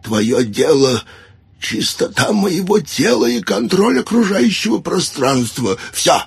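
A man voicing a cruel old necromancer archmage who grumbles and mocks, in a raspy, gravelly voice. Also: high voice, very animated, measured pace, pitched above the performer's own voice, exaggerated voice. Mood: scolding. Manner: grumbling, mocking, gloating. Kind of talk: audiobook character voice.

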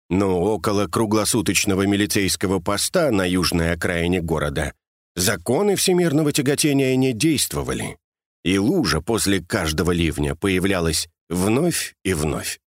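A man reading a novel aloud as scripted narration, in a measured, wry storytelling manner. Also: deep voice, no echo, studio quality. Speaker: audiobook narrator.

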